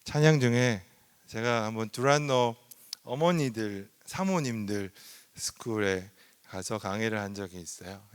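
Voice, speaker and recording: A middle-aged man preaching a seminar sermon as pastor, dropping to whispers and rising to loud, raised passages. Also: medium pitch, clear, resonant tone. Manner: dramatic swings from whispers to loud raised passages, sings hymn lines.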